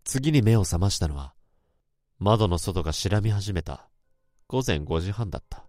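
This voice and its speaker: Here a man plays a troubled young office worker, introspective and anxious, narrating his own story in the first person with a brooding edge as narrator and lead. His voice is low and a little mellow, with lively intonation and a moderate pace. The sound is clean studio audio with no echo.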